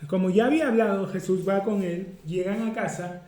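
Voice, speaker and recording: A man's voice: high-pitched, a little fast, a little mellow, roomy sound. A man preaching a sermon as pastor, teaching through rhetorical questions. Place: church.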